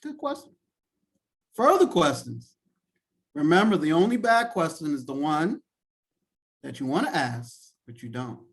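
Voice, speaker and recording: A man's voice: on the high side, very animated, unhurried, long pauses. A man from Trinidad and Tobago, a professor and lawyer, answering questions in a live online class in an encouraging, conversational way. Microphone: video call.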